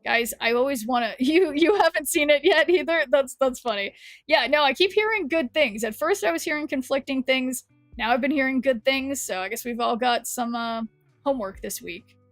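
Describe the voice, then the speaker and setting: Chatty woman streamer, slightly high voice. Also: lively intonation, moderate pace, a bit bright, no room sound, soft background music. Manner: chatty, rambling, reads chat aloud. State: losing her voice. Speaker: game streamer. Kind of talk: casual live-stream chat.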